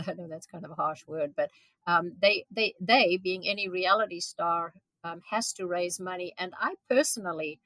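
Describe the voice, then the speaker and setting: Her voice sits on the low side, pushed and bright, captured in a low-quality recording with no room sound. She is a guest, a South African event organizer in her seventies, answering questions earnestly while often saying um and starting over.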